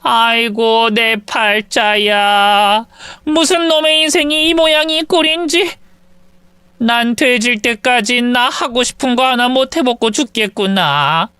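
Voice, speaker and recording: A domineering older mother-in-law, put on by a man narrating a spoken story, pitched high and swinging wildly as she scolds and laments her lot. The voice is smooth and clean, recorded dry and close. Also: sing-song, unhurried, bright, forceful tone, no room sound, full character voice. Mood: wailing. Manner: shrill, self-pitying wailing.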